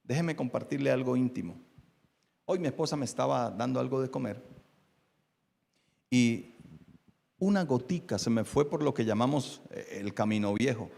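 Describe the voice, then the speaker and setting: A man's voice: medium pitch, normal speed, vocal fry, pauses often. A male pastor with a Colombian Spanish accent preaching a sermon to his congregation. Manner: preaching with rising intensity, then quieter and confiding. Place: church. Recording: long church hall reverb.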